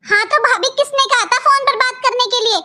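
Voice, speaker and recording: A woman's voice: extremely high pitch, brisk, pushed and bright, heavily acted. Give me a woman voicing a taunting, spoiled young sister-in-law. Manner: taunting, sarcastic, complaining. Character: spoiled young married daughter, sarcastic and defensive. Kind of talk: Hindi cartoon voice acting.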